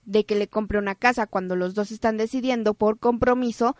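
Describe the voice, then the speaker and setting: A woman's voice: medium pitch, steady tone, fairly quick, no room sound. A woman explaining stages step by step in a casual chat.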